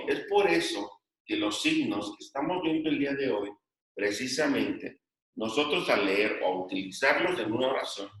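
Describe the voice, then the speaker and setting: Male teacher giving a class, sounds far off in a really echoey room, dictates slow and repeats himself. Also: medium pitch, a bit bright. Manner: dictating slowly, repeats phrases. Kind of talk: classroom lesson.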